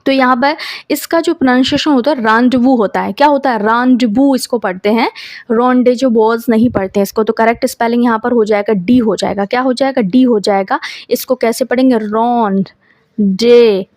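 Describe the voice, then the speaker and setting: A woman teaching an exam-prep grammar lesson, who asks a question and then answers it herself and reads the test sentences out slowly. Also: fairly high pitch, a little mellow, dry recording.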